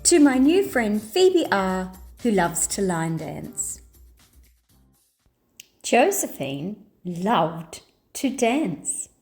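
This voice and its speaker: A woman storyteller with a mid-range voice reads a children's picture book aloud, expressive and deliberate, with faint music playing behind her.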